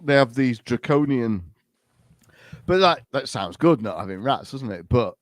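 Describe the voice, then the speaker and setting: A man's voice: mid-range voice, animated, unhurried, no echo. A man hosting a podcast, talking in a casual, rambling way with lots of restarts and hesitations. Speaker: podcast host. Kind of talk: casual chat.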